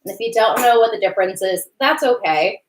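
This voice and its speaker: Speaking a little fast in a higher voice, this cooking show host chats and giggles through her live stream, reading out viewer questions. Her kitchen sounds roomy and echoey, with faint noise.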